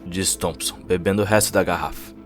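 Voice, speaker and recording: A man with a Brazilian Portuguese accent delivers dramatic scripted narration of a cyberpunk story, with music playing beneath. His voice is low-pitched and steady, and his pace is brisk.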